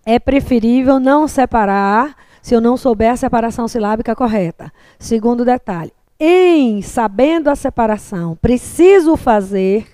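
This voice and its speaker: A woman's voice: fairly high pitch, expressive, normal speed, hardly any pauses, mellow, no room sound. Brazilian woman teacher, patient explainer. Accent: Brazilian Portuguese. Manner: patient, explanatory, frequent checks like "tá?". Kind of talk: classroom lecture on writing.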